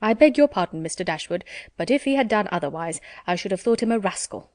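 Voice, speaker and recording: A woman's voice: medium pitch, animated, quick pace, no room sound, studio quality, close to an everyday voice. A woman voicing a blunt, outspoken older lady in a storybook reading, forthright in manner.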